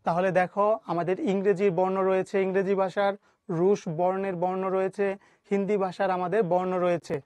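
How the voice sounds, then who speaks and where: A woman teacher with a Bangladeshi Bengali accent runs an online class, posing a question to her students, pausing briefly, then answering it herself. Her middle-pitched voice has a darkish tone and sounds dry and close, with no echo or room around it.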